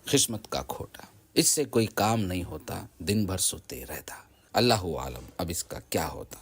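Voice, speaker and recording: A man's voice: on the low side, sing-song, moderate pace. A man playing a gloomy father who narrates wry, half-whispered asides, with a Hyderabadi accent. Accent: Hyderabadi Urdu.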